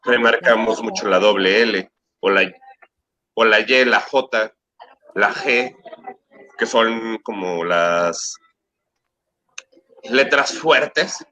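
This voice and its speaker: A man's voice: on the low side, drawn-out words, pauses often, pushed and bright, poor audio. A Mexican man hosting an interview, asking long, winding questions and correcting himself as he goes. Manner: rambling, self-correcting questions. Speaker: host.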